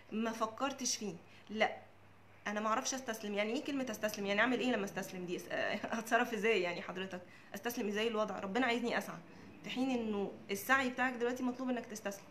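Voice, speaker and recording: Egyptian woman coach talking quick, a bit high, asks herself questions n answers them, faint hiss behind. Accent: Egyptian Arabic. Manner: lively, asks and answers her own questions. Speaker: psychotherapist and coach. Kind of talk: casual talk to camera.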